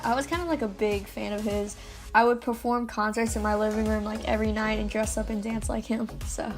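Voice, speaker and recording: With music in the background, this teenage YouTuber from Louisiana, USA, recounts her life story casually, often using "like." She speaks on the high side with a slightly mellow quality.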